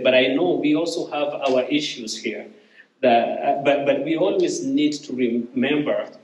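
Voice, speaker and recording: A man's voice: medium pitch, darkish tone, far from the mic. Man, earnest sermon, repeats and restarts words, church stage, roomy hall sound. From Kenya. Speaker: guest speaker. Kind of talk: sermon testimony. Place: church stage, large room.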